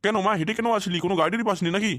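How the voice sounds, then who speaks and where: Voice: mid-range voice, very fast, a bit bright, voice pushed down, close to an everyday voice. A performer voicing a worried, welcoming older father-in-law in a cartoon who repeats his words. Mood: fond fussing. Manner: repeats words, anxious fussing.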